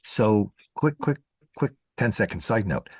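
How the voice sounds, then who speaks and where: A man's voice: on the low side, measured pace, slightly rough, no echo, clean studio sound. A man from New York City co-hosting a casual podcast, telling stories with a sarcastic edge. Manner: sarcastic, lively storyteller. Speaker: co-host.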